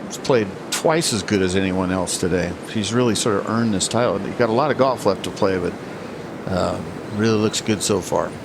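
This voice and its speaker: A man's voice: moderate pace, vocal fry. A man giving live analysis as a golf commentator during a tournament. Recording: outdoor rumble behind voice.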